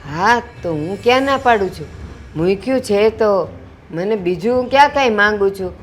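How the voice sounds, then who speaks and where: An actress playing a frail elderly mother who pleads softly and tearfully for sweet tea in a family drama. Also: medium pitch, lively intonation, moderate pace, a little hiss or hum, natural voice, low-quality recording. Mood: pleading. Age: older. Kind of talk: Gujarati short film acting.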